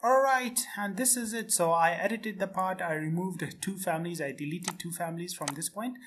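A man narrating a screen-recorded software tutorial in quick, repetitive step-by-step phrases. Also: high voice. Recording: noisy home recording.

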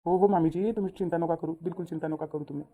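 Voicing a reassuring, polite young son-in-law in amateur cartoon dialogue, this woman races along in a mellow, fairly low, natural voice with a steady tone. Her Vidarbha Marathi accent comes through as she soothes and repeats herself earnestly.

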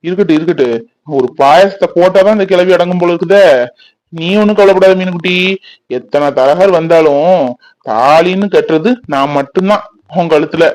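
A man's voice: high voice, moderate pace, a little mellow, lightly acted, rough recording. A man playing a teasing lovestruck village youth. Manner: teasing, boastful and affectionate. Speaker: actor in a family fan drama. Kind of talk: village romance drama acting.

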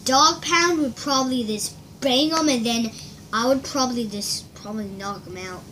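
A woman's voice: a little high, moderate pace, a bit bright. A woman in an improvised toy-figure play, hesitantly repeating lines fed to her. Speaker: play partner. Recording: faint background hiss.

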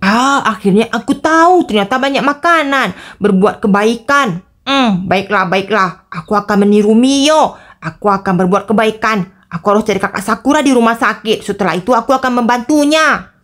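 A woman's voice: on the high side, normal speed, a bit bright, voice pushed down, lightly acted. A woman voicing a selfish, mischievous young boy who sulks and mutters to himself in a story told over a game. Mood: scheming.

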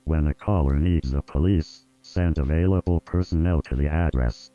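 A man voicing a cold instructional announcer on a tape, his monotone commanding delivery glitching and repeating as the playback cuts out. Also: a bass voice, normal speed, dull audio.

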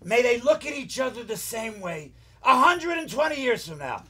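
A man's voice: very high-pitched, very animated, normal speed, pushed and bright, exaggerated voice. An actor playing a jovial older father who tells jokes and gives a boisterous wedding toast on a theatre stage. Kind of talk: live stage musical acting.

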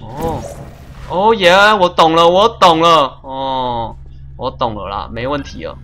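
A man streaming a puzzle game live, chatty and excitable, laughing often and making little sound-effect noises as he plays. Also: medium pitch, a little slow, soft background music. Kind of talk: live gameplay commentary.

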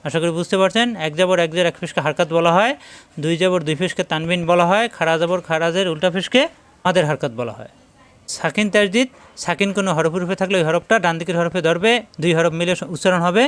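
A man's voice: high voice, fast talker, fairly bright tone, clear, resonant tone. A man teaching Quran reading step by step, patiently repeating each example syllable by syllable. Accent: Bangladeshi Bengali. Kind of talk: step-by-step recitation lesson.

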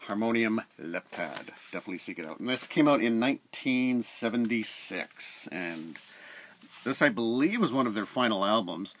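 Relaxed middle-aged man chatting about records. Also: lowish voice, normal speed, slight background noise. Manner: relaxed, rambling, many "uh" fillers. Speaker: record collector vlogger. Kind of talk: casual record review. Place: home room with shelves of records. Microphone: camera at close range.

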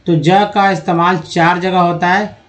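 A man teaching English reading in style lessons, talking to viewers as friends and reading word lists aloud slowly. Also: sits high, flat delivery.

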